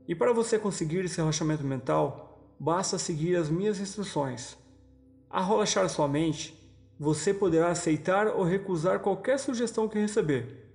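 A Brazilian man narrating a guided hypnosis relaxation like a sleep story, giving soothing, slow instructions with pauses. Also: high-pitched, vocal fry, darkish tone. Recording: voice over background music. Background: music.

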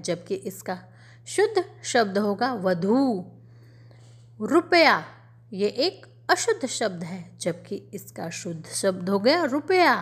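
A woman teaching a spelling lesson to children, drilling each word in a slow, careful, repetitive way. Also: medium pitch, breathy edge.

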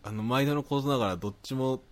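A man with a Nagoya accent, a podcast co-host reading listener mail aloud in a calm, even voice and chatting casually. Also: medium pitch, quick pace. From Nagoya, Japan.

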